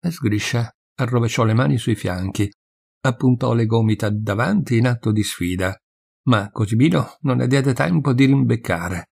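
A man narrating a short story as an audiobook in a measured storytelling way, with a husky voice. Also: medium pitch, a little mellow.

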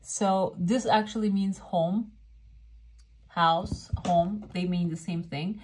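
A woman's voice: on the low side, fairly even intonation, takes it slowly, darkish tone, slight background noise, poor audio. Woman fortune teller, non-native English speaker. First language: not English. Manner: fortune teller addressing the viewer directly. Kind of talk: casual coffee cup and oracle card reading to camera.

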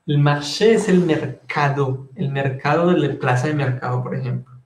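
A man's voice: on the high side, moderate pace, echoey room. A man teaching French in an online class, explaining patiently and switching between Spanish and French.

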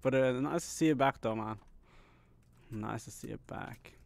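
A man's voice: mid-range voice, normal speed, vocal fry. A young man live-streaming a game, chatting casually with viewers, laughing often and calling people bro and man. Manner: laid-back, laughs often, says "bro" and "man" a lot.

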